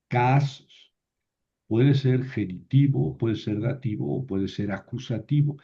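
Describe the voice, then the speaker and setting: A man with a very dark, mellow voice leads an online Greek class. He explains grammar patiently, step by step, and keeps checking in with his students. The sound is dull and lo-fi, like an online class recording. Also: mid-range voice. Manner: patient, explaining step by step, often asks "¿verdad?". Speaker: Biblical Greek teacher.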